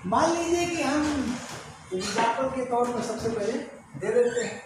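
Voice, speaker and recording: A man gives a slow, patient grammar lesson, posing questions and answering them himself. His voice rings around a bare, echoey room with faint background noise. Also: extremely high pitch. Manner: asks questions and answers them himself, repeats key words. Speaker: teacher. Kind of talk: English grammar lesson in Hindi.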